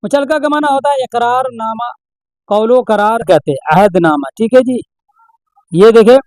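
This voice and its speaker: A man's voice: extremely high pitch, normal speed, a little mellow, dry recording, rough recording. A man teaching Urdu reading, patiently sounding out each letter and asking the learner what the word says. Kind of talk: slow spelling-out lesson.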